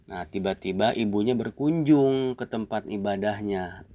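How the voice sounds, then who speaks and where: A man's voice: lowish voice, expressive, unhurried, darkish tone, no echo. A man, a religious teacher reciting Arabic text and then retelling the story in casual explanation with frequent filler tags.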